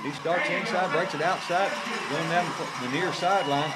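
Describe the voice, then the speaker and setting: A man doing football play-by-play, his voice raised and excited in a touchdown call. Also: fairly high pitch, normal speed. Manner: excited, raised voice building through the run. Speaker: play-by-play announcer for high school football. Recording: live game broadcast with clear background noise.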